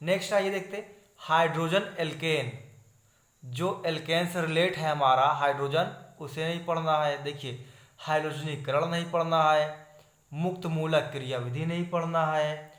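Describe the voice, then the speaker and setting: Echoey Hindi-speaking chemistry teacher. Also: male voice, fairly high pitch, normal speed. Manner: steady listing tone, repeating "not to study", addressing viewers as friends. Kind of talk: online exam-syllabus lesson.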